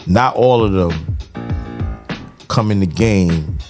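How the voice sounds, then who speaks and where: Over background music, a middle-aged man speaks slowly in a low-pitched voice. As a podcast co-host with a music industry background, he keeps it slangy and casual, checking in often with "you know what I'm saying."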